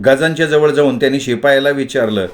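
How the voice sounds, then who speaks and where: A man narrating a story aloud in an expressive, dramatic storytelling manner. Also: medium pitch, quick pace.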